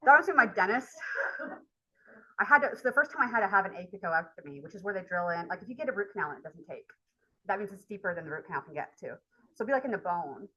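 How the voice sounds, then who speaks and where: A woman's voice: mid-range voice, lively intonation, fast, sharp tone, breathy edge, low-quality recording. A woman college instructor, telling a rambling personal story in a casual lecture, with lots of filler words. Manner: chatty, rambling, heavy use of filler words.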